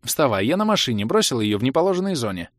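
A man voicing a bold, bossy, impulsive young woman in an audiobook, with a brisk and pushy manner. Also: mid-range voice, very animated, no room sound, studio quality, voice pushed up. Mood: bold teasing. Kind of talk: audiobook character voice.

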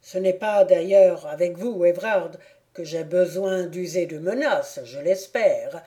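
A woman's voice: fairly low pitch, dark tone. Woman reading as a stern old aristocratic count. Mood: persuasive. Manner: measured, persuasive, gravely solemn. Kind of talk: audiobook character reading.

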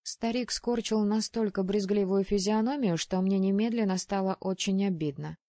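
A woman reading a first-person audiobook in a lively, expressive way. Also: medium pitch, normal speed, no echo, studio quality. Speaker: audiobook narrator.

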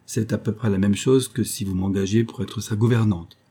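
A man's voice: on the low side, fairly even intonation, moderate pace, dark tone, husky. A man reading an audiobook, voicing a bitter, stern and unhappy young woman of twenty-three in an impassioned, raised tone.

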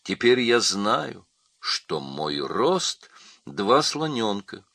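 A gentle little elephant calf counts his steps with a sigh, as a man voices him. He speaks slowly and earnestly, his pitch rising and falling. The sound is dry and close. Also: animated, gravelly, no echo, heavily acted. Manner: slow, sighing and earnest. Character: small, gentle male baby elephant. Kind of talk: storybook reading.

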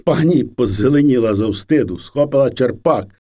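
A man reads a first-person folk memoir in a calm, unhurried storytelling manner. His voice is mellow and warm, and his pitch moves a lot from phrase to phrase. It sounds like an audiobook reading. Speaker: reader.

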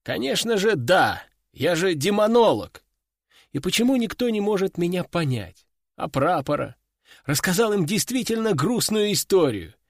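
A man reading fiction aloud in a lively, wry storytelling manner on a close mic. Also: high voice, normal speed, no room sound. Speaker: audiobook narrator. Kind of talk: scripted fiction narration.

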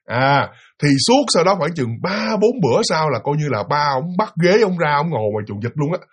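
A man with a Southern Vietnamese accent telling a ghost story in a lively, animated way and speaking straight to his listeners. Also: fairly high pitch, fairly quick, slight background noise.

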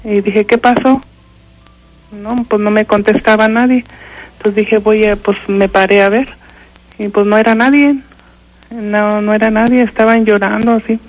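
An older woman with a Mexican accent, calling in to a radio show and haltingly telling a ghost story, full of fillers and restarts. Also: medium pitch, fairly even intonation, faint music behind, poor audio. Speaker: caller.

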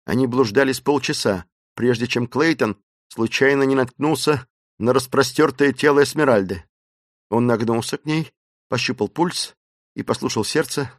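A man's voice: mid-range voice, normal speed, no echo. Male storyteller with a dry, close sound. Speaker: audiobook narrator. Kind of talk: dramatic storybook narration.

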